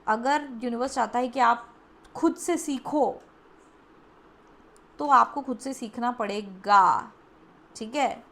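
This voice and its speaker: A woman's voice: fairly high pitch, slow, vocal fry, long pauses, a bit bright, a little hiss or hum. A woman giving a pick-a-card tarot reading in a chatty, coaxing way, acting out the listener's doubts. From India. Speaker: tarot reader.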